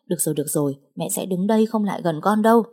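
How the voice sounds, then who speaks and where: A woman playing a desperate middle-aged mother, tearful and imploring, in an audiobook. Her voice is husky and dark, a little raised when she begs. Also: lowish voice, racing. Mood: pleading. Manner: imploring, insistent.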